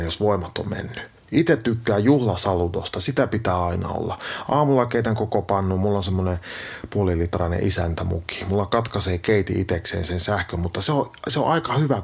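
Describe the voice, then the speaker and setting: A man hosting a comedic radio advice segment, answering listener questions in a dry, matter-of-fact way with soft whispered asides. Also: low voice, gravelly, husky. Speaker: advice show host. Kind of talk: deadpan comedic advice monologue.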